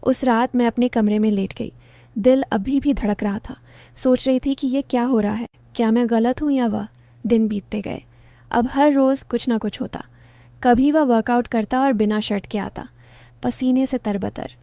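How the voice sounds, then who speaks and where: Soft-voiced woman narrating a story. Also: a little high, fairly even intonation, moderate pace, no echo. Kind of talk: first-person story narration.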